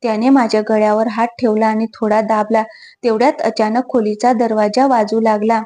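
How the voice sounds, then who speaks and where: A woman reads a heartfelt story aloud in the first person, steady and earnest. Her voice sits a little high. It has a mellow, warm tone. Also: normal speed. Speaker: storyteller, channel host. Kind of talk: scripted first-person narration of an emotional story.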